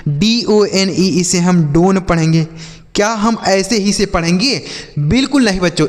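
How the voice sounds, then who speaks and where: Man, children's reading teacher, slow letter-by-letter spelling, repeat-after-me questions, echoey hall. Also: high-pitched. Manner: spells letters slowly and asks pupils to repeat. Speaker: English teacher. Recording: long hall reverb.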